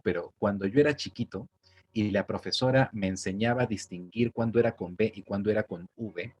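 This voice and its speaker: Patient teacher, slightly low voice. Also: male voice, darkish tone, breathy edge. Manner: patient, conversational, checks in with "de acuerdo". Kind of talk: spelling lesson.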